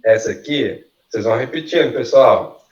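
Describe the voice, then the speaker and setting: A man teaching an online workshop, saying words slowly and clearly for students to repeat. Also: mid-range voice, lively intonation, a little mellow, reverberant, far from the mic, dull audio. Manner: slow, careful model pronunciations for students to repeat. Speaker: language teacher. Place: video call.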